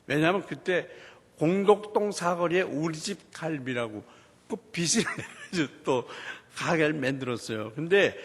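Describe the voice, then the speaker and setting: A man with a high, husky voice tells his church testimony as a story. His pitch leaps up and down as he acts out the people in it. A long reverb hangs on his words, as in a large hall. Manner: animated storytelling, acting out quoted dialogue. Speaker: church deacon giving a testimony.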